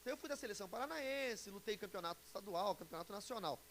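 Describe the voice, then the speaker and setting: This pastor and conference speaker, a Brazilian in his forties, jokes and chats his way through an informal sermon before a church audience, frequently posing questions. He talks at a quick pace in an animated, high, slightly bright voice, and hiss runs under the live recording.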